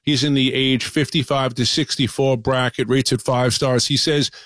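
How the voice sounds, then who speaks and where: Upbeat salesy man pitching a supplement. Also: flat delivery, normal speed, a bit bright, no echo. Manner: upbeat salesy, reads testimonials aloud. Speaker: doctor guest on a paid radio show. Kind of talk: infomercial radio chat.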